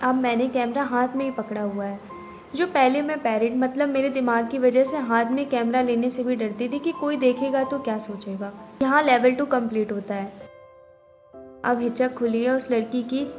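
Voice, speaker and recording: A young woman with a high voice tells a reflective first-person story. She speaks gently and thoughtfully, and carries the other characters' lines in her own voice. Soft music plays faintly behind her. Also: normal speed.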